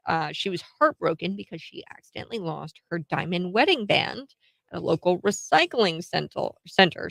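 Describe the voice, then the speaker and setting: A woman's voice: lowish voice, vocal fry, a bit bright, dry recording. A woman hosting a live radio talk show, giving opinionated commentary with exclamations and rhetorical questions. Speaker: radio morning show host.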